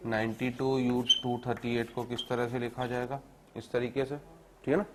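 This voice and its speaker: A man teaching chemistry to a class, dictating notes slowly and checking in with students. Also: medium pitch, flat delivery, a little hiss or hum. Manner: repeats phrases slowly for dictation, keeps asking "theek hai na"; calls students "beta", explains step by step.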